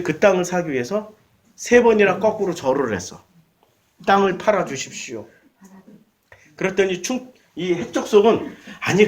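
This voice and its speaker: A man preaching a sermon as pastor, animated and conversational, quizzing his congregation in a church. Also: sits high.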